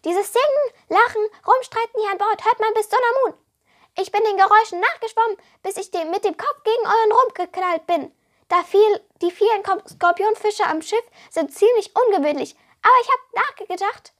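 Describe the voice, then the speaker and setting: A woman's voice: very high voice, moderate pace, pitched above the performer's own voice. A woman voicing a small, grumpy and boastful male water goblin who curses and brags indignantly. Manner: indignant, cursing, bragging.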